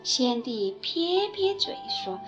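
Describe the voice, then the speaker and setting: A woman narrating a children's story in a slow, gentle, expressive way. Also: high voice, lo-fi sound, faint music behind. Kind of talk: bedtime story reading.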